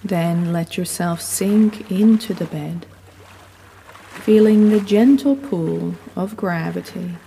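A woman giving soothing, unhurried sleep story narration, gently guiding the listener through relaxation. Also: lowish voice, creaky. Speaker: guided sleep meditation narrator. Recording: long reverb, audible background noise.

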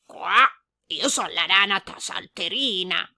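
A woman voicing a jumpy female frog in a children's story who croaks before she speaks. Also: mid-range voice, animated, slow pace, bright, forceful tone, exaggerated voice. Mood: curious.

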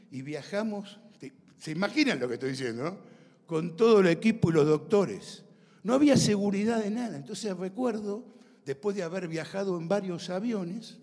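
Middle-aged Rioplatense male pastor, lively testimony sermon, slightly high pitch. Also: big-room sound. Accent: Rioplatense Spanish. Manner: animated storyteller, talks to audience.

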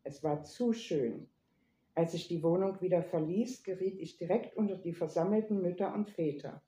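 A woman narrating a first-person story in a lively, playful manner, in an echoey room. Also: lowish voice, normal speed. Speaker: reader.

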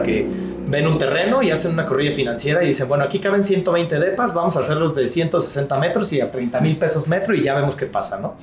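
A man talks through his answers in an interview, pausing on fillers and restarting phrases as he thinks. His voice sits at an ordinary pitch and carries the reverb of a roomy space. A faint background hiss runs under it. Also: darkish tone. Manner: thoughtful, with frequent fillers and restarts. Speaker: real estate sales executive.

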